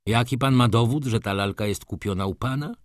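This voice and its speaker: A man's voice: mid-range voice, brisk, no room sound, studio quality, natural voice. A man voicing a stern male judge who questions people in a curt, official way. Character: stern male judge keeping order in court.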